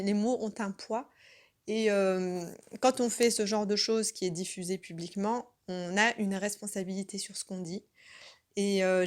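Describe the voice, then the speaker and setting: A woman from France talking spontaneously in an unscripted monologue, earnest and reflective, with many pauses and self-corrections. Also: mid-range voice. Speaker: channel host.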